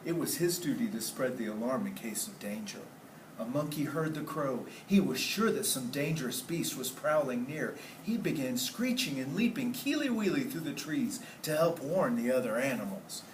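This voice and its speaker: Speaking in a sing-song, mid-range voice at normal speed, a man teaching a class reads a story with expression and puts questions to the kids. It was captured indoors with a far-off mic, so the classroom sounds roomy and noisy.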